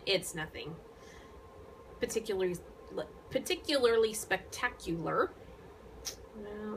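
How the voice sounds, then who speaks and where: A woman's voice: on the high side, a bit bright, a little hiss or hum, rough recording. Chatty woman rambling about knitting. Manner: rambling, many ums and restarts. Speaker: knitting vlogger. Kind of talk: casual chat to camera.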